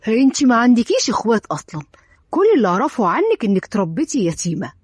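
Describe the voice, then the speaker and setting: A woman's voice: a little high, sing-song, racing, a little mellow, slightly rough, no echo, studio quality. A woman with an Egyptian accent voicing a cold, domineering young man in a storybook reading, curt and detached.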